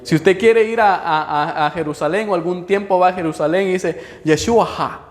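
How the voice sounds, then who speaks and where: A man preaching a sermon to a congregation, teaching as he goes, quizzing his listeners and having them repeat words after him, and slowing down whenever he reads scripture aloud. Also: high voice. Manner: slows down when reading scripture aloud. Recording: long hall reverb.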